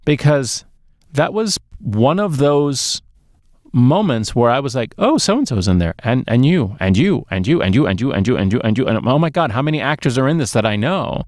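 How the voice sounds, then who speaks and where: Very animated yet speaking at a normal pace, this middle-aged podcast co-host has a medium-pitched, slightly mellow voice with no room sound. He discusses movies casually and emphatically, close to a boom-arm mic inside a small, dark, sound-treated booth.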